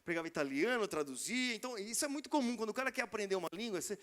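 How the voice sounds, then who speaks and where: Fast, bright, high-voiced male preacher. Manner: lively, slangy, animated storytelling. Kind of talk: storytelling church talk. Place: church.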